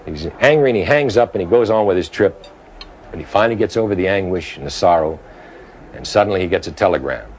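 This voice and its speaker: A man's voice: low-pitched, lively intonation, quick pace, a little mellow, slight background noise. A man telling a joke as a story, who raises his voice to act out the characters' lines. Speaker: joke teller.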